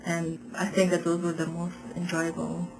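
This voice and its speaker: A woman from Afghanistan talking slowly and hesitantly in a documentary interview. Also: lowish voice, monotone, low-quality recording.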